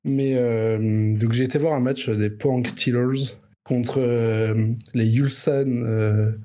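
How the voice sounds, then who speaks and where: Joking podcast co-host, mid voice. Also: male voice, medium pitch, fairly even intonation, mellow. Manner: joking, teasing, quick to laugh. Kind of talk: casual podcast chat.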